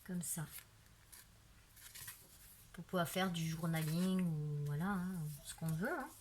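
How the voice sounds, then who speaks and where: With a lowish voice and an unhurried pace, a woman who makes craft videos flips through a handmade album, chatting casually and repeating "voilà" and "euh". A camera on a tripod records her, with a little hiss or hum in the audio.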